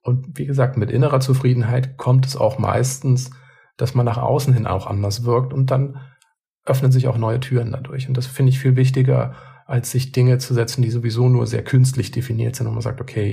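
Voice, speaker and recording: A man co-hosting a podcast and chatting casually and reflectively. His voice is gravelly and a little husky, with a dark, mellow tone. He often restarts and repeats words as he works through a thought. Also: mid-range voice, fairly even intonation, a little fast. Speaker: podcast co-host.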